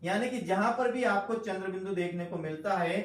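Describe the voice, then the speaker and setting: A man's voice: sits high, far from the mic. A man teaching Hindi grammar in an online exam-prep lecture, repeating key terms and asking the class questions. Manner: addresses listeners as friends, slow deliberate emphasis. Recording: echoey room, voice off-mic.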